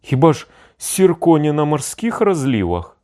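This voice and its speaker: A man's voice: sing-song, moderate pace, darkish tone. A man voicing frightened male envoys who ask anxious questions in an audiobook. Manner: anxious, raised pitch.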